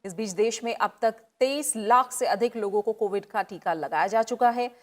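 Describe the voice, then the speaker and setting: A woman news anchor reading headlines in a steady, measured delivery. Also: fairly high pitch.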